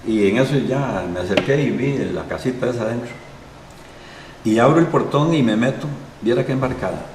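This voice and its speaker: A man's voice: mid-range voice, normal speed. An older man with a Costa Rican accent, a guest in an interview who tells a long anecdote and acts out the dialogue of the people in it. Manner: lively storyteller who acts out quoted dialogue. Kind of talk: anecdotal storytelling. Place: live show recording. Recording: roomy and distant, with background noise.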